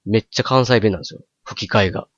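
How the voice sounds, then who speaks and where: Osaka man, 40s, rapid animated storyteller, dry close sound. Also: lowish voice, no room sound, dull audio. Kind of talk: casual chat.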